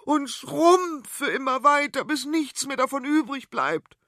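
Königin Serafina: Mann spielt schrille, herrische Königin. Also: male voice, extremely high pitch, lively intonation, slow pace, pushed and bright, no room sound, clean studio sound, voice pushed up, exaggerated voice. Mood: indignant. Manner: shrieking, indignant. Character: shrill, imperious, self-righteous queen.

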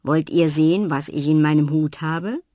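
A woman's voice: low voice, normal speed, no echo, studio quality, close to an everyday voice. A woman playing a friendly old magician. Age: older. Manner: warm, welcoming, gentle.

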